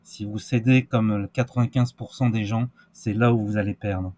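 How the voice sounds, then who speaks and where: A man's voice: fairly low pitch, fairly even intonation, moderate pace, dark tone, no echo. A man giving casual crypto market commentary, hesitant with many fillers and restarts. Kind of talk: casual screen-share market analysis.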